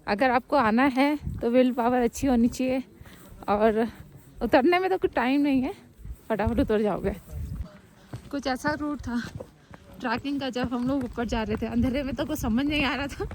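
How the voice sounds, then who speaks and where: A chatty young woman with a fairly high voice, filming herself on a windy mountain top with her phone. She talks in a quick, upbeat way and jokes with her trekking friends. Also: a little mellow. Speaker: travel vlogger. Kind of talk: casual vlog narration outdoors. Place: windy mountain summit outdoors. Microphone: handheld phone camera.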